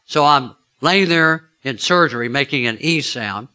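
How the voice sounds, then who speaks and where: A man's voice: mid-range voice, expressive, measured pace, sharp tone, clear, resonant tone. A man preaching, telling a personal story in a chatty way and asking his listeners questions. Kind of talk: storytelling sermon.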